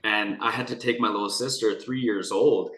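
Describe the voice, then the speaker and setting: A lower-voiced young man with a bright edge tells his life story in a rambling, earnest way, circling back and restarting often. The room around him is echoey and hollow. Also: steady tone, normal speed. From Canada. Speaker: guest. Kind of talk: candid personal conversation.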